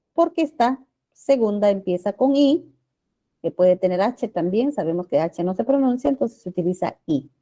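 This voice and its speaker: Woman teacher going over grammar, slow and careful, warm low-key voice, keeps checking the class gets it. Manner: addresses students as "jóvenes", checks in with "¿no?" and "¿ya?"; slow, deliberate explaining with stressed key words.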